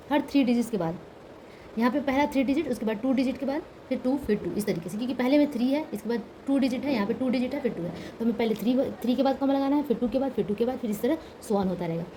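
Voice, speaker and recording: Brisk woman teaching a lesson. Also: on the high side, warm tone, slight background noise, poor audio. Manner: repeats key words and asks questions to the class; mixes in English number words. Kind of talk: classroom lesson explaining step by step.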